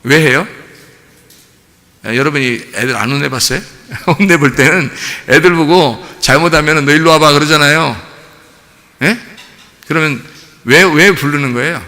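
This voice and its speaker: A male pastor preaching a sermon with animated delivery, often firing rhetorical questions at the congregation. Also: on the high side, normal speed, long pauses, in a large hall. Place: church sanctuary.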